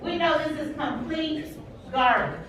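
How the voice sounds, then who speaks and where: High-voiced woman counselor, echoey hall. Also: big pitch swings, unhurried, far from the mic, noisy background. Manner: emphatic, asks the room questions and repeats key words. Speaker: counselor leading a teacher training. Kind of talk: workshop talk to a live audience. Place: large echoey room with an audience.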